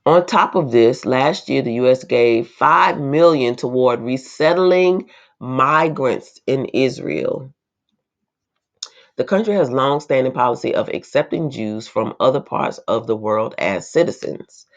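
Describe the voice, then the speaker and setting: A woman with a rumbling low voice reads an article aloud at a slightly slow pace, breaking off between passages for indignant, emphatic asides. The recording is a bit dull and lo-fi.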